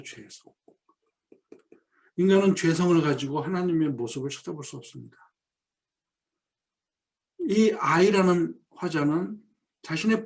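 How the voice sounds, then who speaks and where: Slow, higher-pitched male lecturer. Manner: reads English verse lines very slowly and deliberately; explains in plain spoken Korean, acting out quoted lines. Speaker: professor. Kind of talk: lecture on English poetry.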